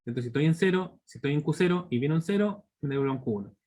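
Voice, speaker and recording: A man's voice: a little high, animated, fast, mellow. Chilean man teaching an online class. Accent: Chilean Spanish. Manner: explains step by step, checks in with students through constant tag questions. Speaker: university teacher. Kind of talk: live online programming class.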